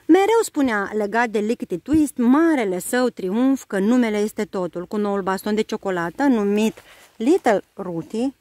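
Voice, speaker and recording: A woman narrating a children's book aloud in a lively, expressive storytelling manner. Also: medium pitch, no room sound.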